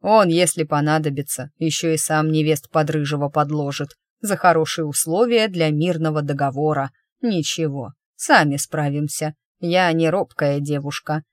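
A woman reading an audiobook, voicing a blunt, hot-tempered young noblewoman who talks gruffly and forcefully. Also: low-pitched, normal speed, hardly any pauses, no echo, studio quality, close to an everyday voice. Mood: grumbling. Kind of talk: audiobook character voice.

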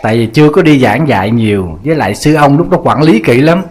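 A Buddhist monk with a Southern Vietnamese accent, giving a humorous sermon in a lively, teasing storytelling style. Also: male voice, mid-range voice, quick pace, slightly rough.

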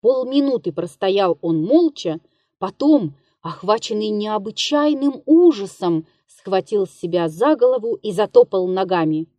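A woman narrating a classic literary story as an audiobook in a measured, even manner. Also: mid-range voice, no echo.

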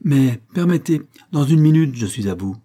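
A man's voice: mid-range voice, expressive, moderate pace, mellow, pitched above the performer's own voice, lightly acted. A man reading an angry, swearing aging wine salesman aloud from a novel. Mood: furious. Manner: blustering, swearing. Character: hot-tempered aging male wine salesman.

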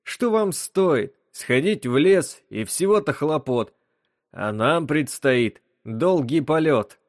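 A gruff, bossy spaceship captain barks orders in a raised, loud voice, as a male narrator puts him on. He sounds impatient and commanding. The recording is dry and close. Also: a little high, lively intonation, slow, no room sound, voice pushed up. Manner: commanding, impatient, shouting at times.

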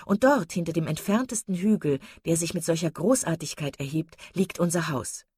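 A woman's voice: normal speed, a little mellow, breathy edge, no room sound, clean studio sound. A woman reading an audiobook voices a passionate, dreamy young woman who gushes and exclaims. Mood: eager. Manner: gushing, exclamatory, rising high. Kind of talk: audiobook character voice.

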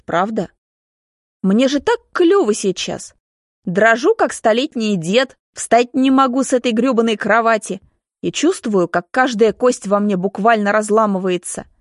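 Bedridden young man voiced by a woman, bitter, weak, halting, audiobook, dry recording. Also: medium pitch, dry recording. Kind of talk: audiobook reading.

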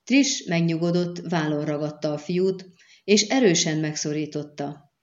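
A woman's voice: deep voice, highs cut off. Woman narrating a fantasy audiobook.

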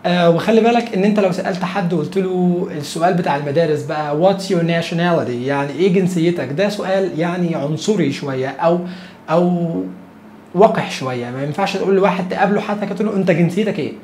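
Fast, chatty Egyptian Arabic teacher. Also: male voice, high voice, a little mellow. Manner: chatty, explaining, slows down sharply to model English phrases. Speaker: English teacher and host. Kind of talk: lesson for beginners. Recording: echoey room with faint noise.

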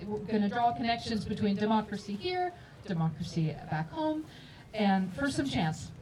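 A woman's voice: mid-range voice, very animated, moderate pace. Joking woman emceeing an outdoor rally. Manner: joking, informal. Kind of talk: casual hosting remarks at a rally. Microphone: mic through loudspeakers. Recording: loudspeaker echo, crowd around. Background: a crowd of listeners.

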